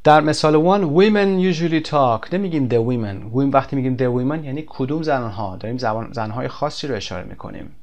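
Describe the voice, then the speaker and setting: Man teaching, examples read slowly. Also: medium pitch, animated, a little mellow. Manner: explains in quick bursts, reads examples slowly and carefully. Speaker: English teacher. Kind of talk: recorded language lesson.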